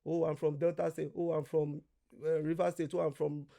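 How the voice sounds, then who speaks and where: Man with a gravelly voice. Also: on the high side, moderate pace. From Nigeria. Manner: animated storyteller who acts out quoted voices and swears freely. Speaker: guest. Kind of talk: casual conversation.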